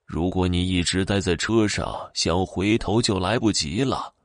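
A man voicing a menacing old woman ghost with fangs, speaking in drawn-out, sinister tones. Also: low-pitched, no room sound, clean studio sound. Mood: reassuring.

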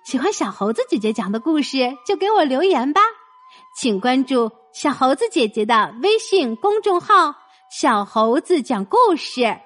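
A woman narrating a children's story, speaking gently and directly to a young listener. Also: sits high, sing-song, moderate pace, soft background music.

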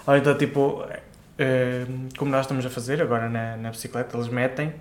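A man's voice: medium pitch, level tone, fast talker, slight background noise. A man with a European Portuguese accent chatting casually as a podcast co-host, joking in a mock-grandiose way. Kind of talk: casual chat. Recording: echoey room.

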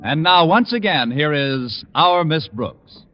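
American guy announcing old radio show, high lively voice, music behind, muffled. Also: slow. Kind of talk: 1940s network radio announcing.

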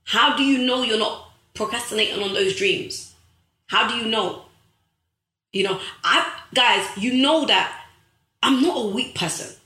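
A woman from the United Kingdom speaks to her online followers in a preachy, rallying way, hammering home the same phrases again and again. Her voice is bright and forceful. The room around her rings with plenty of echo. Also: on the high side, unhurried, pauses often. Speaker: livestream host and author. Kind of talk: motivational livestream talk. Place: bedroom at home.

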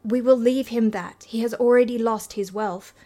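A woman's voice: a little high, fairly even intonation, normal speed, warm tone, close to an everyday voice. Woman reading as a sweet young maiden. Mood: pleading. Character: young beautiful witch maiden, coaxing.

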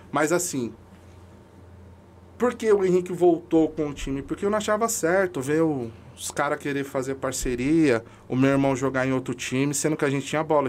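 A man's voice: medium pitch, a little hiss or hum. A man, a podcast guest talking casually in an emotional, slangy, emphatic way about his amateur football club. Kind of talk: casual chat.

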